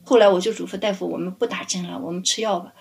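爱笑健谈的中年女性. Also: female voice, mid-range voice, racing, gravelly, slightly rough. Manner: lively, laughing often while recounting. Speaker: family caregiver guest. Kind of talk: casual interview storytelling.

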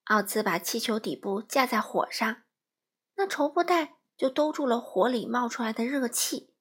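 A mother reading a storybook aloud to children in a gentle, storytelling manner. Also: a little high, animated, normal speed, husky.

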